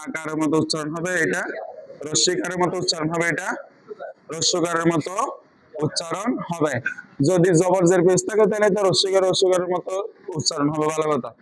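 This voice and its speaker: A man's voice: fairly high pitch, steady tone, fairly quick, a crowd in the background, rough recording. A man teaching Quran reading in a class, quizzing students patiently with repeated questions. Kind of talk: online class lesson.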